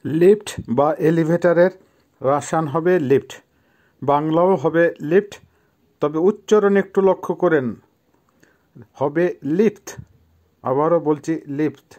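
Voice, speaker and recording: A man gives a vocabulary lesson at a slow, unhurried pace. His voice sits a little higher than most men's, and he repeats every word with care. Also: darkish tone. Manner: repeats each word deliberately. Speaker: language teacher.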